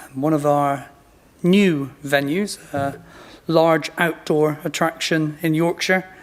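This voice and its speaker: Male, late 50s, modern British RP accent, slightly raised pitch, presenting a product informally as a company representative. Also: fairly even intonation, slow pace. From Bristol, England. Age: late fifties.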